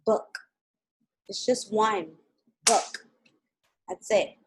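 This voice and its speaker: A woman's voice: a little high, slight background noise, poor audio. Patient kindergarten teacher woman. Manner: patient, slow and clear with small children. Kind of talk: live online lesson.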